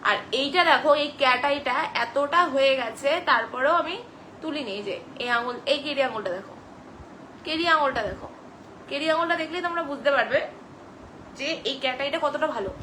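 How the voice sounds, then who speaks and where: A young woman hosts a live stream on her phone, reading out viewer comments and chatting back to them. Her voice sits high and sounds bright and forward. A faint hum of ambience runs underneath. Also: normal speed, poor audio. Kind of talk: casual live-stream chat.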